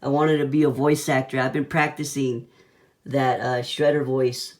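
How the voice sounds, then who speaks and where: A man's voice: medium pitch, flat delivery, normal speed. A man giving a casual hands-on toy review in laid-back, slangy talk, with a whistle on his s sounds.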